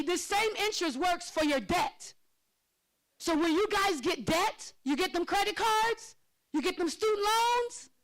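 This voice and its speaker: A woman presenting a financial literacy workshop, lively and excitable, laughing often and calling on audience members by name. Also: very high voice, poor audio. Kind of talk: interactive workshop teaching.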